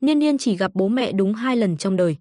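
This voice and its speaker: A woman narrating an audiobook in a steady, even storytelling manner. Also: mid-range voice, moderate pace, no room sound, studio quality.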